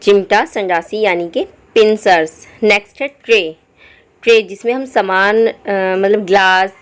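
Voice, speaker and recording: A woman teaching English words for kitchen items in Hindi, repeating each word slowly and clearly. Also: medium pitch. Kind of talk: vocabulary lesson.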